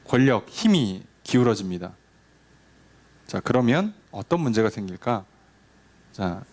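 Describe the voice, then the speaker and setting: A male pastor giving a conversational sermon, often asking the congregation rhetorical questions and acting out quoted lines. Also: mid-range voice.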